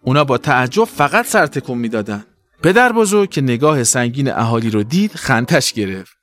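Lively male storyteller. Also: mid-range voice. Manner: expressive, animated storytelling. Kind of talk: children's story narration.

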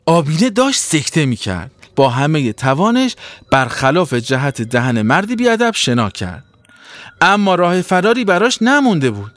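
A man narrating a children's story in an expressive, animated way. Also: fairly high pitch, no echo.

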